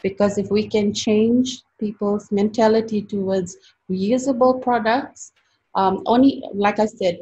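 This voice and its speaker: A woman's voice: medium pitch, dark tone, slightly rough. A woman founder answering judges' questions, hesitant with many fillers. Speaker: startup founder pitching. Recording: dull lo-fi sound.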